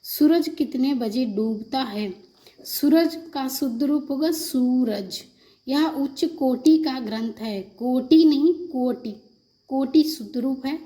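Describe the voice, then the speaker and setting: A woman's voice: high-pitched, dark tone. A woman teaching a Hindi spelling lesson for an exam, reading example sentences and then repeating each word in its correct form.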